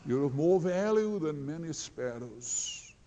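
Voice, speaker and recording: A man preaching a sermon in a slow, earnest way, quoting scripture often. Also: on the high side, expressive, dark tone, a little hiss or hum. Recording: long hall reverb.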